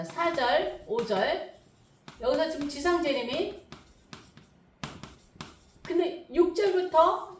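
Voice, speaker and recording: Emphatic woman pastor, lively high voice. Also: reverberant. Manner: emphatic, repeats key phrases, rising on stressed words. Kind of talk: sermon lecture on prophecy.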